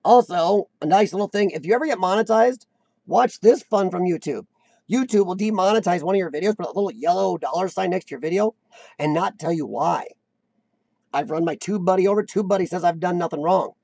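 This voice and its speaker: A man runs a casual live-stream chat show, rambling, self-deprecating, and often going back over his own sentences. He speaks briskly in a fairly high, gravelly, slightly mellow voice. The sound is close and dry, with no room ambience.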